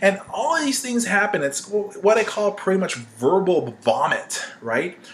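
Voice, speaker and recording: A man with a high, expressive voice speaks at a measured pace, with slight background noise. His informal marketing-training talk is conversational and emphatic, includes acted-out example calls, and is dotted with "right?" as he makes his points.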